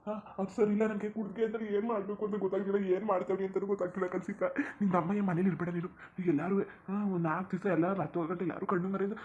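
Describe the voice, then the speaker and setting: A man voicing a remorseful village father in a cartoon, begging and rushed. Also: high voice, level tone, a little mellow, highs cut off, a little hiss or hum, lightly acted. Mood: urging. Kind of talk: cartoon voice acting. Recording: roomy echoey recording.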